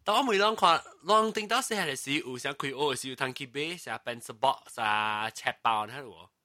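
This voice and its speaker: A man's voice: mid-range voice, brisk, sharp tone, no room sound, clean studio sound. A man hosting a casual chat, steering the topics and laughing often.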